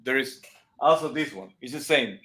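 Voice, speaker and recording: Appearing as a guest on a casual live stream from a room at home with cameras, a dance and music teacher explains things through everyday comparisons, restarting often. He speaks English with a non-native accent, his medium-pitched voice bright and forceful, lively in intonation, at a normal speed.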